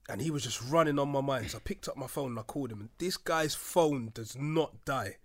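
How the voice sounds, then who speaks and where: On a laid-back podcast, a male guest with a medium-pitched voice speaks briskly. He earnestly recounts a lengthy personal story and performs the lines others spoke, as if quoting them.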